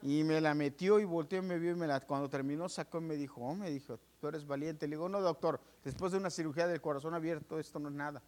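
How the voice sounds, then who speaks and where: A pastor gives his testimony from the pulpit, slightly higher-pitched than most men. He tells it with lively swings, acting out the doctors and nurses and turning to his listeners as brothers. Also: quick pace, few pauses. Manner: animated storytelling, addresses listeners as brothers; acts out dialogue with doctors and nurses. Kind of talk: sermon testimony.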